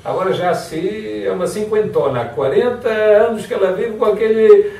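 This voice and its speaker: A man's voice: high voice, normal speed, creaky. A man giving a motivational lecture, acting out example phrases in different tones. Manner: lively, acts out example phrases in varied tones. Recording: echoey hall from far off.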